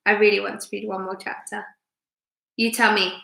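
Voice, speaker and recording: A woman teacher reads a story on a live stream, chatting expressively with young listeners and asking them questions. Her medium-pitched voice has vocal fry and moves at a moderate pace. The room sound is roomy and echoey.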